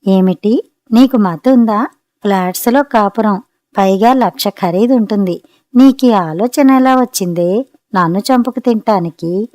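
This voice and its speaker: A woman's voice: medium pitch, measured pace, darkish tone, dry recording, studio quality, natural voice. A woman reader voicing a joking husband who grows exasperated, in a storybook reading. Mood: annoyed. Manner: joking, then grumbling. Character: teasing middle-class husband, easily exasperated.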